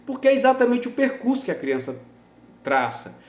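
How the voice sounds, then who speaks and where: A man's voice: very high-pitched, big pitch swings, fairly quick, a little mellow, roomy sound. A Brazilian man teaching education students in an emphatic lecture, often stopping to ask rhetorical questions. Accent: Brazilian Portuguese. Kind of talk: university lecture.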